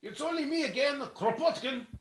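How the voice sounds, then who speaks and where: A woman playing a droll, obliging male professor with a husky voice in a 1940s-style radio comedy. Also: high-pitched, lively intonation, moderate pace, very noisy.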